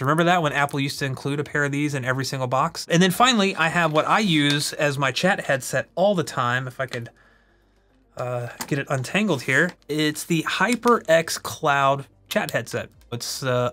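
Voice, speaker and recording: A man's voice: on the high side, normal speed, bright, forceful tone, slight background noise. A man reviewing tech gear in an informal, conversational way, casually comparing products.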